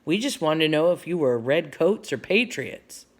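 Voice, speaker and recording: Woman doing a hushed, cautious young boy. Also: deep voice, lively intonation, normal speed. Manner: quiet, hushed and careful.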